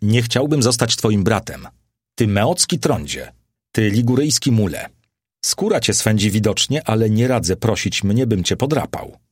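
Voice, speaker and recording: A bitter, cowardly old Greek man in an audiobook, read by a man. He fires back spiteful insults in a deep, husky voice. The sound is dry and close. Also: very animated, normal speed, no echo. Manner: snapping back with spiteful retorts.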